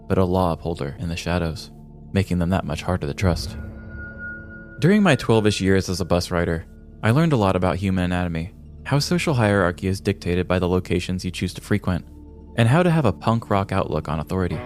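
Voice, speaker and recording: An American man in his thirties with a low, slightly mellow voice reads scripted comedic story narration as a podcast host. Faint music plays in the background.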